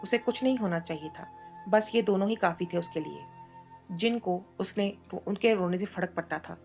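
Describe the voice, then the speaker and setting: Gravelly woman reading a romance novel. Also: lowish voice, moderate pace, faint music behind. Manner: steady storytelling. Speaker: novel narrator.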